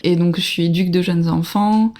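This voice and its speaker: Relaxed woman in her thirties telling travel stories. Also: lowish voice, moderate pace. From France. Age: 30s. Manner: relaxed storytelling with many fillers and laughs. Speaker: guest, traveler. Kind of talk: casual podcast interview.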